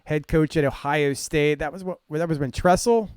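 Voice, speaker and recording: A man hosting a casual college football preview interview, relaxed and halting with fillers. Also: a little high, smooth, dry recording, clean studio sound. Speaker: podcast host.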